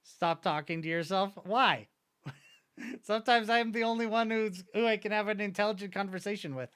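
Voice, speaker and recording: Bright, clear-voiced male streamer. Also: high-pitched, normal speed. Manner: joking, self-mocking, rambling. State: slight wheeze. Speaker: streamer reacting to videos. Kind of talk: casual stream chat.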